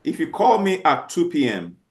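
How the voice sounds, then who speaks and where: A male teacher lecturing a class, talking haltingly with many restarts and fillers and checking often that students understand. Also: fairly high pitch, wildly swooping pitch.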